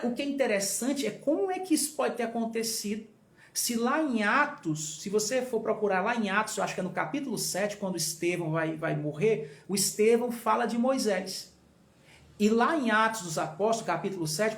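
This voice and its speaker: A man's voice: sits high, expressive, fairly quick, a bit bright. A man leading an informal Bible study, who stresses points by repeating them and talks straight to his listeners. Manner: emphatic, repeats key phrases, addresses listeners directly. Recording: roomy echo.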